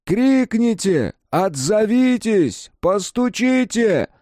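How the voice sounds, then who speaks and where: A man voicing a male rescuer who calls out over the ruins in long, drawn-out shouts. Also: sits high, very animated, dry recording, clean studio sound, pitched above the performer's own voice, heavily acted. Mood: calling out.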